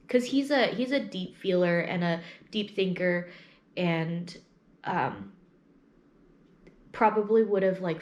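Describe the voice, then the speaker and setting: A young woman with a slightly low voice talks casually as a vlogger to her audience. She is reflective and halting, often breaking off a thought and picking it up again from another side. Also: darkish tone. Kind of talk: casual personal chat to camera.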